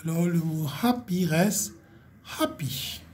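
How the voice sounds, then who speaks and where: A woman's voice: fairly low pitch, expressive, slow pace, a little mellow, a little hiss or hum. A woman teaching a grammar lesson to young pupils, patiently repeating each word and checking with "ok?". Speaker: primary school English teacher. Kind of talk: classroom lesson explanation.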